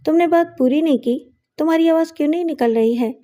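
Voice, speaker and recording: An older father, voiced by a woman narrator in an audio drama, frightened, confused and quick to rage. The woman's voice keeps its warm, mellow tone and fairly high pitch. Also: natural voice. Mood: angry. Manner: anxious, then raging and threatening.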